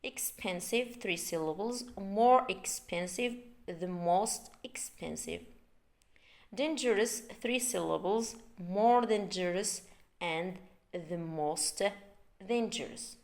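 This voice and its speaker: A woman teaching an English grammar lesson, reading out words slowly and repeating them for learners. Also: mid-range voice.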